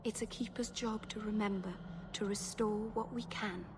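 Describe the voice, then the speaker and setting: A woman's voice: medium pitch, steady tone, moderate pace, noisy background, close to an everyday voice. An actress playing a shy, earnest young elf woman, a mage who speaks hesitantly and apologetically in video game dialogue. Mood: solemn, earnest.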